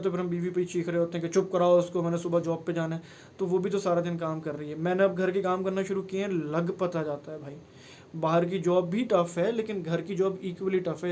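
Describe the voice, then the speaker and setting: A man's voice: sits high, a little mellow, a little hiss or hum. A man, giving earnest, pleading advice to camera in a personal vlog and mixing in English phrases. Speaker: vlogger.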